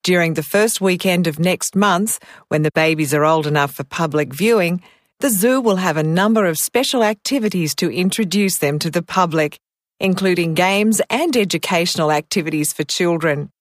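A woman playing an informative zoo announcer, delivering a scripted, clearly enunciated public announcement. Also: lowish voice, moderate pace, no room sound, studio quality, lightly acted. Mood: informative, inviting.

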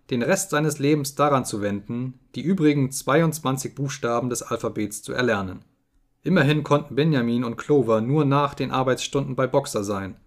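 A man reading an audiobook in a calm, measured voice. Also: mid-range voice. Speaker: audiobook reader. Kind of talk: scripted audiobook narration.

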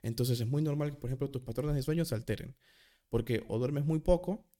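A man's voice: medium pitch, fairly quick, mellow. A man hosting a casual solo psychology podcast, talking through examples, often stopping to rephrase himself. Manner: rambling, self-correcting, with examples; self-described nervous.

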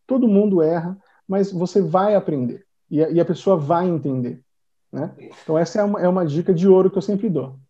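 A man's voice: fairly high pitch, dark tone. A man teaching in a casual conversation, giving tips in an instructive manner. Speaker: English teacher guest. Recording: dull muffled sound.

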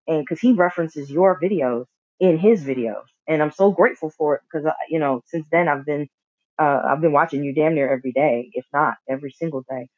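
A man's voice: fairly high pitch, fairly quick, no echo. A man leaving a friendly, rambling voicemail for a podcast host as a listener, with many fillers. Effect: voicemail message. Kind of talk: casual spoken message. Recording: muffled dry voicemail line.

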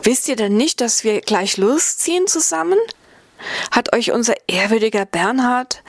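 A woman's voice: on the high side, expressive, normal speed, no echo, voice pushed up. A woman playing a jolly joking marmot fellow. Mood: cheerful. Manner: playful, teasing, fond of food and fun. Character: jolly joking male alpine marmot from the Swiss mountains. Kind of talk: storybook reading.

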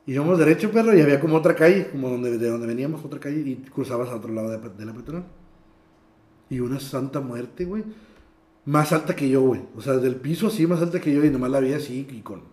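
A young man with a northern Mexican accent telling a story in casual, slang-heavy chat, often trailing off quietly at the ends of lines. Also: medium pitch, expressive, fast talker. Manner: slangy, drops "güey" constantly, trails off quietly. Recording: echoey room.

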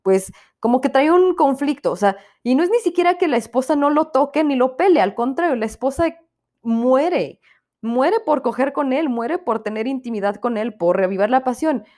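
A young Mexican woman with a fairly high voice rants through a casual spoken review of a series. She swears freely and switches into quick put-on voices to mimic the people she talks about. Her tone is irreverent and unfiltered throughout. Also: animated, darkish tone. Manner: profane, ranting, irreverent. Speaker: podcast host reviewing a series.

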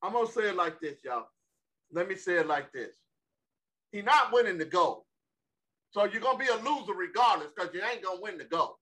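Guy arguing hoops picks, sharp high voice, keeps saying it his way. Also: lively intonation, a little fast, long pauses. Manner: insistent, repeats his point, slangy. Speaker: panelist. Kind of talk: casual sports debate.

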